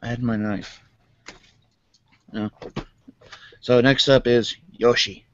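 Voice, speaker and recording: Man, monotone, casual unboxing vlogger, rambles with fillers, dull lo-fi sound. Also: mid-range voice, takes it slowly, no room sound. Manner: rambling, many fillers, calls own voice monotone.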